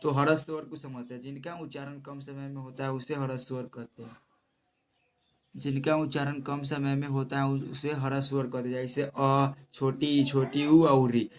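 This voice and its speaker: Man teaching grammar, repeating drills. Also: mid-range voice. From Bihar, India. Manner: repeats each definition slowly, spells out letters one by one. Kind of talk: Hindi grammar lesson for exam students.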